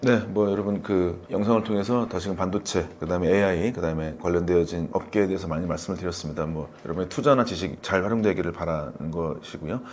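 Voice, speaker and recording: Speaking fast with few pauses in a low voice, a middle-aged man who once researched chips lectures on technical points as an interview guest, using fillers and correcting himself. A little hiss or hum sits in the recording.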